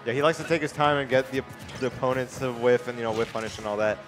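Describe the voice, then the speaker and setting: Man, esports color commentator, mid pitch, laid-back, music clearly playing behind. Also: quick pace. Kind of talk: casual live commentary.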